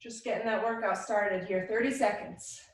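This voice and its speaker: A woman's voice: medium pitch, fairly even intonation, moderate pace. A woman fitness instructor coaching a live workout in short, encouraging cues and countdowns. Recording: very echoey room, distant mic.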